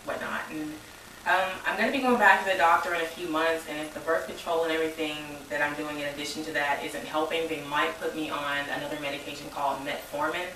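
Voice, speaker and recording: A woman's voice: low voice, pushed and bright, far from the mic, a little hiss or hum. A woman, rambling in a casual personal vlog. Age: 20s. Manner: rambling, informal, says y'all. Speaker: vlogger. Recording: echoey room, voice a bit off mic.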